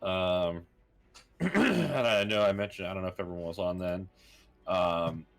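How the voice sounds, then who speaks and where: A man narrating as game master of a tabletop game, halting often with fillers and small chuckles. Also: low voice, vocal fry.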